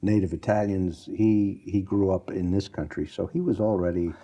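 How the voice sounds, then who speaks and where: Husky, deep older male interviewer. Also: moderate pace, dark tone, lo-fi sound. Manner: brief encouraging backchannels and leading questions. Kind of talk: oral history interview.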